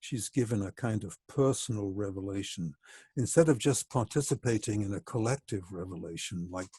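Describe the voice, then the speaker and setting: A man with a low voice gives a reflective lecture in a measured, explanatory way. His tone is husky and mellow. The sound is dry and close. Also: no echo. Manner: measured and explanatory, slowing for emphasis.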